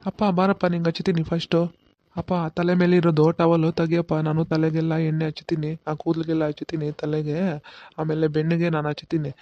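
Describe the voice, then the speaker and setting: A man's voice: on the high side, monotone, a little fast, no room sound, dull audio, natural voice. A man voicing a fussy village father. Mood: instructive. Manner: instructive, keeps asking "okay?". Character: village father, patient and fussy about the ritual. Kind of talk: cartoon voice acting.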